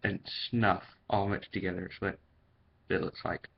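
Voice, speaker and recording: Man, deepish voice, lip stuffed with dip, casual reviewer, muffled low-fidelity audio. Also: fairly even intonation, normal speed, vocal fry, a little hiss or hum. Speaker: product reviewer. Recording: dull, lo-fi sound.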